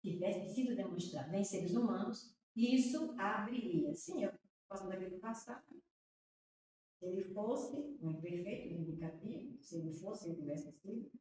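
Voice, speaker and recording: A woman's voice: medium pitch, lively intonation, normal speed, mellow. Brazilian woman teacher in an echoey room. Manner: talks through answers aloud, repeating words and checking with "né?" and "tá vendo?". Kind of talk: exam-solving lesson. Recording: echoey room, voice far from the mic.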